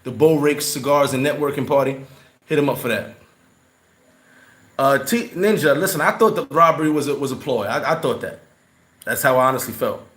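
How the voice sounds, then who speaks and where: A man's voice: mid-range voice, moderate pace, pauses often, a bit bright. Casual chatty man in a roomy echo. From New York. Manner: loose, rambling, repeats words when heated. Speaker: livestream host answering chat. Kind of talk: casual livestream chat.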